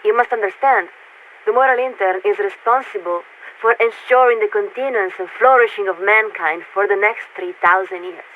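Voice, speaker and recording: In scripted game voice acting, a woman plays a polite, formal military radio signaler, explaining things patiently in a measured, officious way at medium pitch. Her voice comes through a tinny, narrow-band radio filter with static.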